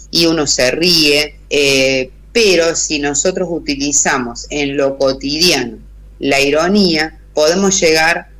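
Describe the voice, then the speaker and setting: A woman with an Argentine accent, a radio guest explaining an idea thoughtfully, pausing often with hesitations. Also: deep voice, fairly bright tone. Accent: Argentine Spanish. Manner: thoughtful, frequent hesitations and restarts. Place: radio studio.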